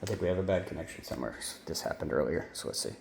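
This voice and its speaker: Deep, gravelly and a little mellow, this man's voice comes out rapid-fire as he rambles informally about his homemade gear, often correcting himself. It's a casual how-to walkthrough with roomy sound, faint ambience and slight background noise.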